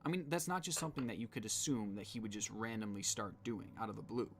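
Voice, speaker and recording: A man's voice: lowish voice, quick pace. A man giving scripted narration in the style of a true-crime video.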